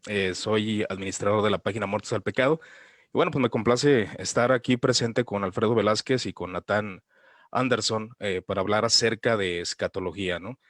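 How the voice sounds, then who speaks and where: A man speaking as a panelist, giving a relaxed, conversational presentation over a video call. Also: on the low side, dry recording, clean studio sound. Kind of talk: casual presentation.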